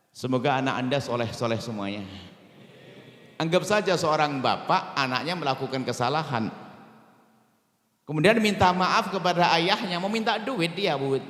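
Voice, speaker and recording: A male preacher giving an impassioned sermon, dropping to low murmurs and rising to loud pleading. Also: roomy sound, long reverb tail.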